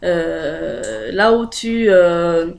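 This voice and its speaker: A woman's voice: fairly low pitch, expressive, drawn-out words, creaky, darkish tone. A woman with a French accent chatting casually to her viewers, hesitant and full of fillers, laughing often. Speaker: video blogger. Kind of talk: casual direct-to-camera chat.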